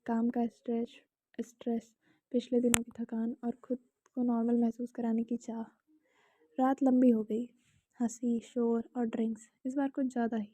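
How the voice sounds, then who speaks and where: Speaking at a moderate pace in a slightly high voice, a young Indian-accented woman tells a romantic story calmly, dropping into a whisper now and then and tossing casual remarks to her listener. It's a dry home recording that sounds a bit dull.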